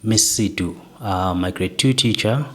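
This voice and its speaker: A young man from South Africa gently recounts his life story in an interview, his soft voice on the low side. He speaks a little slowly and repeatedly finishes his points with "right?".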